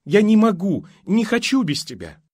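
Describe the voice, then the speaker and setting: A man voicing a tearful young wife who pleads with her husband, in a higher, strained voice. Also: huge pitch swings, normal speed, a little mellow, slightly rough, dry recording, clean studio sound, full character voice. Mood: tearful pleading. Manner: pleading, breathless.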